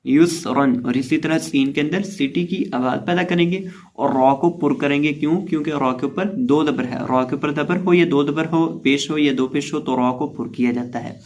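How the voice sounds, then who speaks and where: A man teaching Quran reading who spells out letters and vowel marks one by one, then repeats each word in a slow, drawn-out recitation with explanations between. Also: fairly high pitch. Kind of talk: step-by-step recitation lesson.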